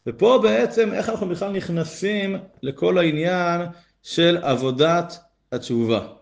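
A man with a somewhat high voice teaches a Torah lesson. He reads passages and explains them earnestly. His pitch climbs whenever he drives a point home. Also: vocal fry, a little mellow. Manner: earnest, rises in pitch to stress key points.

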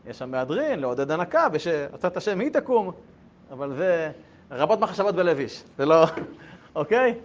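A man teaching a religious lesson to a group, firing rhetorical questions and swinging between hushed asides and loud bursts. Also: on the high side, big pitch swings, muffled recording, slight background noise. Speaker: rabbi teaching a class.

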